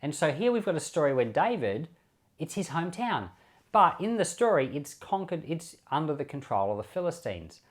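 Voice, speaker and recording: An Australian pastor who hosts a Bible podcast speaks with a slightly high, sing-song voice at a normal pace. He explains scripture in a casual, conversational preaching style, frequently repeating short phrases.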